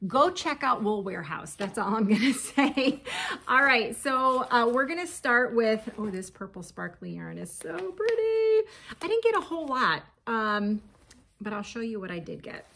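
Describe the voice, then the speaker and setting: A crochet vlogger in her forties chats casually at her home kitchen table about her yarn haul, reading labels aloud and laughing often. Her voice is on the high side, sing-song and creaky, pushed and bright, at a moderate pace. Slight background noise can be heard.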